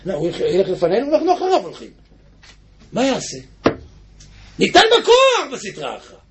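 A man from Israel preaching a fervent sermon, swinging between fervent shouting and hushed asides. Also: very high voice. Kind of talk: impassioned Torah sermon.

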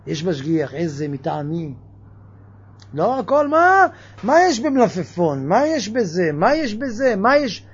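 A man giving a lively religious sermon, firing off mocking rhetorical questions. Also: high-pitched, husky, muffled recording. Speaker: preacher.

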